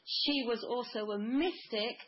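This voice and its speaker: A woman's voice: a little high, a little slow, muffled recording. A woman guest in a spiritual conversation, speaking in a flowing, mystical way, piling up long lists.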